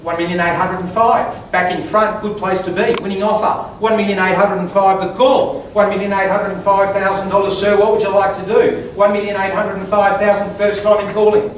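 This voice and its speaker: A man's voice: sits high, little pitch movement, brisk, hardly any pauses. An Australian man working as a real estate auctioneer, calling bids in a projected, insistent, repetitive patter with polite address to bidders. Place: live auction before bidders. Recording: echoey, distant mic, faint background noise.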